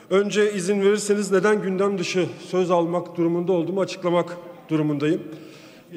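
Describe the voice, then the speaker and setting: A man delivering a forceful parliamentary speech at a rostrum pulpit microphone in a large chamber. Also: high-pitched. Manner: forceful, emphatic oratory with repeated lists. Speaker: member of parliament. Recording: long hall reverb of a large chamber.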